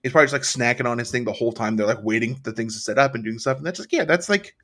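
A man's voice: medium pitch, racing. A man co-hosting a podcast in casual chat, acting out quotes and laughing often. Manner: animated, acts out quotes with laughs. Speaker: podcast co-host.

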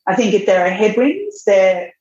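A middle-aged Australian magazine editor chats casually in a podcast interview, laughing often and restarting her sentences. Her mid-range, slightly mellow voice is very animated at a moderate pace, and the remote audio sounds roomy and dull.

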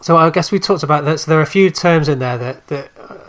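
A man's voice: on the high side, fast, fairly bright tone. Hesitant male podcast host. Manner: hesitant, many restarts and fillers. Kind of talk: casual podcast interview.

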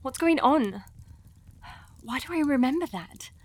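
An actress playing a weary young woman who sighs often and turns sharp when pushed. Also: high-pitched, lively intonation, a little slow. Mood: bewildered. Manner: sighing and weary, turning sharp and frightened. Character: weary young woman trapped in a love triangle. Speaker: actor in an audio drama.

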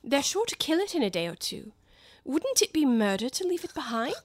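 A woman's voice: sits high, big pitch swings, a little fast, no room sound, pitched above the performer's own voice. A woman voicing an earnest, proper young girl in a storybook, with questioning, lilting speech. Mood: prim, concerned. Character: polite, earnest, curious little girl.

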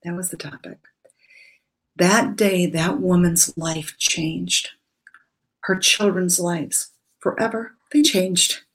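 Middle-aged woman, low pitch, earnest emotional storytelling guest. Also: fairly even intonation, slow, vocal fry, poor audio. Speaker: guest speaker. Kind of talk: storytelling in an interview.

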